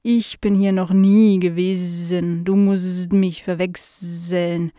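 A woman voicing a forgetful, slow-witted male house fly who draws out his words, in a children's audio story. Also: lowish voice, flat delivery, warm tone, dry recording, clean studio sound. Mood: puzzled. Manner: very slow, drawn-out, puzzled.

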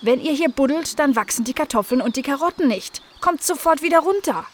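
A woman's voice: sits high, animated, brisk, voice pushed up. A woman voicing a friendly young female dog who owns a garden and scolds her playful guests. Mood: scolding.

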